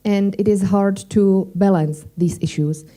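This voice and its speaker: A conference organiser, a woman with a very mellow, dark voice at medium pitch, welcomes attendees. Her non-native English comes haltingly, with frequent hesitation. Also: fairly even intonation. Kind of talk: welcome speech.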